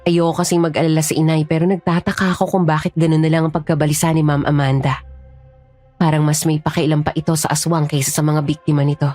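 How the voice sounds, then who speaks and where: A woman giving scripted first-person narration of a horror story, serious and steady. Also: low-pitched, fast talker, soft background music.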